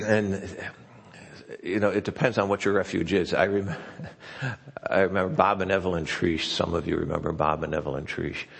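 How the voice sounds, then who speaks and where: Deep gravelly pastor in a reverberant hall. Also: male voice, fairly even intonation, moderate pace. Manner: conversational and folksy, with frequent restarts. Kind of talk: sermon. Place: church sanctuary.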